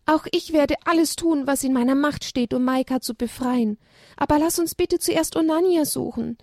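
A woman's voice: high voice, normal speed, darkish tone, no room sound, studio quality, pitched above the performer's own voice. A woman voicing a loyal young animal friend who talks in an earnest, coaxing way. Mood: determined.

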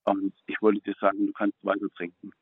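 A middle-aged man tells a personal faith story in a low, earnest voice, stumbling and repeating words when it moves him. He comes through a thin, phone-like line with a dry sound. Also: monotone, brisk, slightly rough, no echo. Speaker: guest.

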